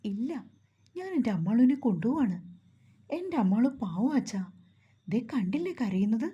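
A grown man with a child's mind coaxes and clings to his bride, voiced by a woman narrator. The voice is husky and dark, with a slightly muffled sound. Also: a little high, very animated, moderate pace, exaggerated voice. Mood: childlike pleading.

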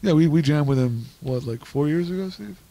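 A man co-hosting a casual chat about local music, joking and teasing himself in quick banter. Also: fairly high pitch, expressive, mellow.

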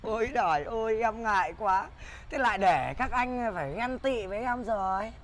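A man's voice: high voice, lively intonation, moderate pace, a little hiss or hum. An actor playing a boastful husband who secretly fears his wife, speaking in a comedic short film. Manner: boastful, coaxing.

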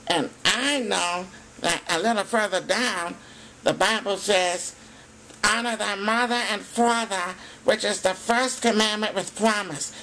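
Man voicing a bright, slow-talking brash sock puppet. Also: high-pitched, slight background noise, heavily acted, low-quality recording. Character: brash, teasing sock puppet show host. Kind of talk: children's puppet show banter.

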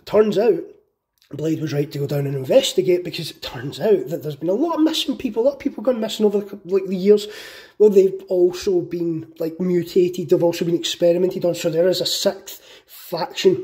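Guy hyped up pitching a movie, swears loads, kinda high voice. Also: normal speed. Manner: excited, profane, many fillers. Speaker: channel host. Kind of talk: casual pitch of a film idea.

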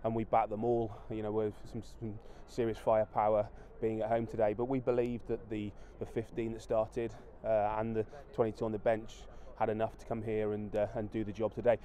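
Rugby coach, 30s, man; low dark voice, quick and flat, full of restarts, interviewed pitchside outdoors. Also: a little hiss or hum. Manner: halting, many restarts and fillers. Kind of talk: post-match interview. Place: outdoors at a floodlit rugby ground at night.

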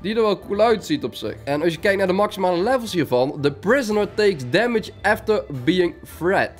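A young man giving excited gameplay commentary, laughing often and dropping English slang. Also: high-pitched, brisk, faint music behind. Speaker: gaming YouTuber.

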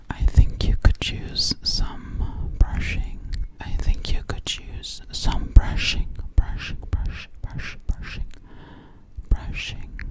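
In a small, dim indoor room, a woman ASMR creator whispers right into the mic, breathy and soothing. Taking on the character of a sweet, somewhat sassy alien girl for a personal attention roleplay, she speaks slowly and repetitively, repeating words.

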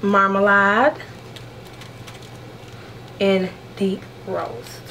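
A woman's voice: medium pitch, steady tone, very slow, a bit bright, low-quality recording. A woman vlogger talks through a makeup unboxing in an easy, casual way. She is frank and slangy and keeps calling her viewers "honey". A faint hiss of room noise sits under her voice. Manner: chatty, calls viewers "honey". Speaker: beauty vlogger.

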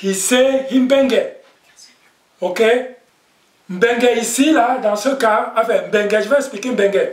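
A patient male teacher with a fairly high voice, talking slowly through a vocabulary lesson and checking in often. He is picked up from across an echoey room. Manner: patient, repeats words and checks with "ok?". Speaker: language teacher. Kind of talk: classroom language lesson. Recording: echoey room, distant mic.

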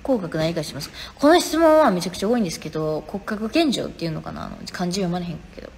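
Young woman, Kansai accent, lively up-and-down voice, live-stream chat, phone mic, reverberant room with faint noise. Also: on the low side, fast talker. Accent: Kansai Japanese. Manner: reads viewer comments aloud and answers them chattily.

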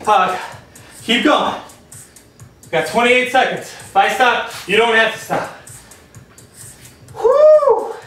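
A man coaching a home kickboxing workout, energetic and encouraging, calling out moves while out of breath. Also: sits high, measured pace, pauses often. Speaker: fitness instructor. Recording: echoey room from far off, music behind.

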